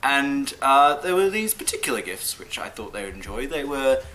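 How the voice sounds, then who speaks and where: A man with a bright, forceful voice chats casually about shows with friends. He is playful, laughs a lot, and stumbles over long foreign titles. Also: medium pitch, sing-song, normal speed, slight background noise, rough recording. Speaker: co-host of an anime discussion channel. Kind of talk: casual chat.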